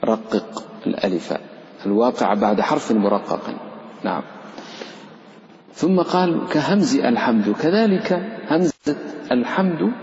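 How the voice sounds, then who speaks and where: A man's voice: medium pitch, a little slow, pauses often, darkish tone, a little hiss or hum. Man teaching recitation in an echoey hall. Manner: explains patiently, chants short recited examples. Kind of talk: lesson on tajweed rules. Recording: echoey hall, dull lo-fi sound.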